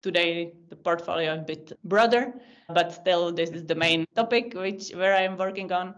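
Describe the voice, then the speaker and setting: A woman's voice: fairly low pitch, normal speed. A woman in her thirties with a Czech accent, a podcast guest explaining her work in long, thoughtful lists with small restarts. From Czech Republic. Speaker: podcast guest, data science team lead. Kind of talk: casual interview answers. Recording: lo-fi video call audio.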